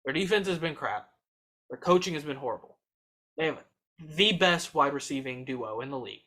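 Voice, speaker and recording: A young man co-hosting a podcast, talking sports in a fast, excitable, emphatic way. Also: on the high side. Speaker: podcast co-host. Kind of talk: casual sports chat.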